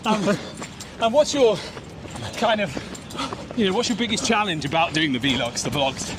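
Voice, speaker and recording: A man's voice: sits high, expressive, moderate pace. A man interviewing in a casual, chummy way while running outdoors. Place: outdoors in an urban area, on the move. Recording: clearly noisy outdoor urban recording.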